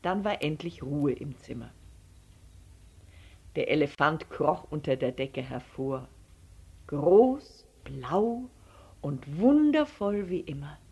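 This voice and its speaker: Slow expressive woman reading a children's story. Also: sits low, slightly rough. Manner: expressive, slow, drops to whispers. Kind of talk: children's story read aloud.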